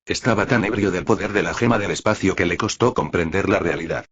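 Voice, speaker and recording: Deep husky male audiobook narrator. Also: brisk, a bit bright, highs cut off.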